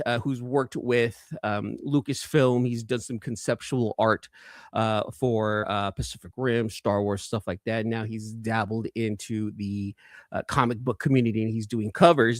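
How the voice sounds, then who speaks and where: A man with a medium-pitched voice hosts a live collecting show, casually showing off comics with enthusiastic, slangy chatter and frequent repeated phrases for emphasis. The clean studio recording has no echo.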